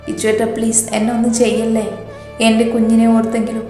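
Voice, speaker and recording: A woman's voice: a little high, monotone, fast, warm tone, close to an everyday voice. A woman voicing a young wife and mother who stands up fiercely to a man, in a roomy recording with faint music. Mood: pleading. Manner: indignant, pleading.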